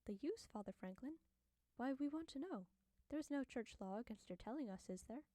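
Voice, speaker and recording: A woman narrator voicing a poised, coolly mocking young wife with a bright, lilting voice. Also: high-pitched, expressive, a little fast, no room sound, pitched above the performer's own voice. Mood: mocking gaiety.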